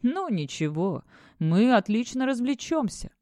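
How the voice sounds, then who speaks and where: A woman's voice: on the high side, big pitch swings, measured pace, warm tone, dry recording, pitched above the performer's own voice. A woman doing a sneering sadistic male villain. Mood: gleeful. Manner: sing-song taunting, drawn out. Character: mocking sadistic male kidnapper.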